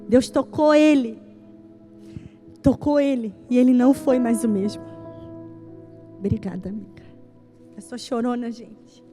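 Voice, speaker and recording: A woman pastor preaching a sermon at a church service. She stresses her points by repeating lines and tells stories with lively, voiced dialogue. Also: a little high, measured pace, faint music behind.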